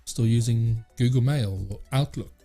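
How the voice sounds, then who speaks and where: A man hosts a casual tech chat, his voice warm and a little raspy. He rambles, stumbles over words and fills pauses with "uh" as he talks, while soft music sits faintly under him. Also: mid-range voice. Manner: rambling, many fillers and restarts. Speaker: tech channel host. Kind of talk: casual talk to camera.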